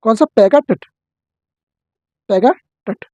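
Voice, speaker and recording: A man teaching an exam-prep geography lesson, drilling his students with quick questions and answers. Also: sits high, warm tone, no echo, dull audio.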